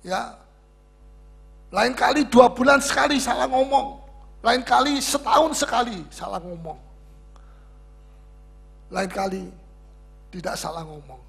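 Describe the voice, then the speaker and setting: A man's voice: very high voice, measured pace, gravelly, pauses often, fairly bright tone, husky. A pastor leading a Bible study sermon. He speaks emphatically, repeats key words and answers his own questions, with touches of humor.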